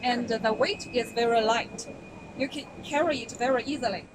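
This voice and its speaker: Female product demonstrator, higher register, courteous and halting delivery, very noisy live floor. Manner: polite, halting sales explanation. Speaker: product presenter. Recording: loud noisy trade show floor ambience.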